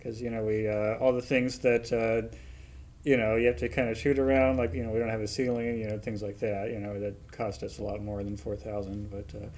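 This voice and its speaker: A man with a mellow, dark voice talks about his show in a loose, rambling way. He leans on you-knows and uhs as he circles around his point. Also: lowish voice, level tone, a little fast, slight background noise. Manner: rambling, many fillers. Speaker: actor. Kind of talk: casual podcast chat.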